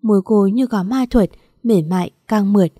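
A woman narrating a story in a steady, unhurried reading manner. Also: mid-range voice, no echo, clean studio sound. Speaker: audiobook narrator.

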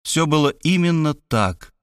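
Male audiobook narrator, first-person story, lively pitch, slightly high voice, dry close mic. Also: unhurried, clean tone, dry recording. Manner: expressive storytelling.

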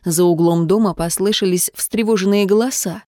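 A woman reading a story aloud as an audiobook narrator, in a tense, measured manner. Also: medium pitch, fairly even intonation, warm tone, no room sound, studio quality. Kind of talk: scripted narration.

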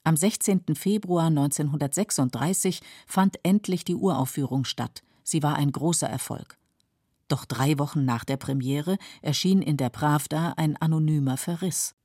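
With a low, husky and mellow voice, a female documentary narrator delivers her radio script soberly and at a measured pace. The studio recording is dry, free of any room sound.

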